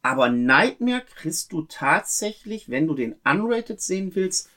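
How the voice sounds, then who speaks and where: A man's voice: high voice, big pitch swings, unhurried, pushed and bright. Earnest man sharing film trivia. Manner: earnest, detail-loving, explains trivia. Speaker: podcast co-host. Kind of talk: casual chat about films.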